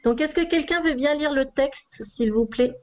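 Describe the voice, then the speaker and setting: A woman's voice: high voice, moderate pace. A woman leading a group session over a video call, explaining ideas in a hesitant, filler-heavy way. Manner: hesitant, with frequent "euh" fillers. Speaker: session leader. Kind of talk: explanatory talk to an online group. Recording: muffled video call audio.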